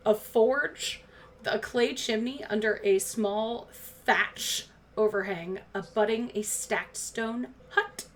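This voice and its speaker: A woman's voice: on the high side, a bit bright. A woman narrating a tabletop game as game master, describing scenes and slipping into casual chat.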